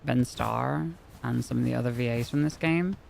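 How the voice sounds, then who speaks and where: A man's voice: mid-range voice, moderate pace, gravelly, a little hiss or hum. A man streaming a video game, chattering casually to himself, grumbling and swearing as he plays. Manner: animated, grumbling, swears often, talks to himself. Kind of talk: casual live-stream commentary.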